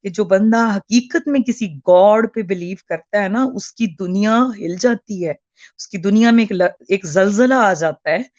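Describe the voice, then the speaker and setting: A woman's voice: medium pitch, unhurried, a little mellow, dry recording, lo-fi sound. A woman in her forties phoning in as a caller over a call line, speaking earnestly with frequent hesitations and restarts. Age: 40s. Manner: hesitant, with many fillers and restarts.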